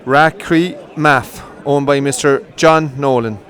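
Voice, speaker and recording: A man giving live commentary on greyhound coursing from an outdoor field, brisk and rising with excitement during the runs. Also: medium pitch. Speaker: race commentator.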